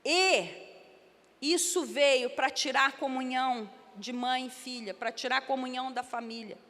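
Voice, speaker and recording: A woman voicing a menacing female witch spirit in slow, ominous tones, told as part of a sermon. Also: high voice, a bit bright. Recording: echoey church hall.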